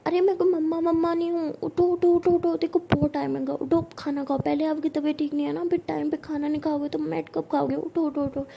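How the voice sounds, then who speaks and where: An excitable college girl protests in high, loud bursts, as a woman storyteller puts her on. The voice sits well above the teller's own and stays mellow in tone. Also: a little fast, gravelly, hardly any pauses, slight background noise. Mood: coaxing. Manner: exclamatory, protesting. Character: lively young college girl, eager and dramatic.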